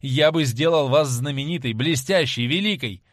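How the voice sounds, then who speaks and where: A proud young man in a cold fury, read by a male narrator, hurling loud, bitter accusations in a mid-range voice. The sound is dry and close-miked. It is a dramatic audiobook reading. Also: mid-range voice, moderate pace, no echo, lightly acted. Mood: scornful, furious. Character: proud young man, cruel and scornful in anger.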